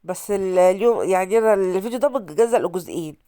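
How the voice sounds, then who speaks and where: A woman from Alexandria with an Egyptian Arabic accent hosts a casual cooking vlog, her nose stuffed up from a cold as she chats and repeats herself to viewers. Her medium-pitched voice is dark and clean, and she talks very fast. The recording is dry, with clean studio sound.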